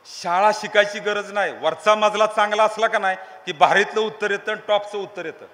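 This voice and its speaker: High-pitched preacher in a reverberant hall. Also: male voice, fairly quick, pushed and bright. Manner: teasing, call-and-response questions to the audience. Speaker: preacher leading a crowd. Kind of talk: lively sermon with crowd games.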